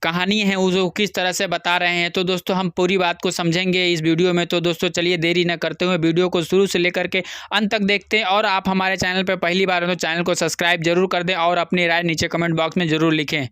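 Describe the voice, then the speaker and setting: A man hosts his channel with a flat, bright, smooth voice that sounds dry and close. He rambles through his intro and keeps returning to the same address to his viewers. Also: high-pitched, brisk, few pauses, no room sound. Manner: rambling, repeats "तो दोस्तों". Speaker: channel host. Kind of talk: casual video commentary.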